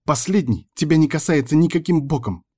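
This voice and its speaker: Audiobook character: a scornful young woman who snaps angry retorts, pitched high and read by a male narrator. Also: expressive, fairly quick, darkish tone, natural voice. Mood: furious. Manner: snapping, hostile retorts. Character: furious young woman, scornful and sharp-tongued.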